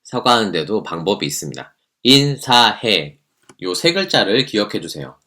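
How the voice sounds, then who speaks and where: A man teaching a lively lesson, playful and asking the viewer questions as he explains. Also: low voice, fast talker. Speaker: teacher explaining how to apologize.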